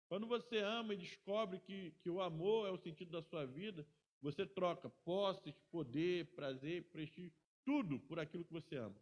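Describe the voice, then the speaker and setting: A middle-aged man, a pastor teaching a Bible school class in a chatty way, often ending sentences with a quick tag question. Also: high voice.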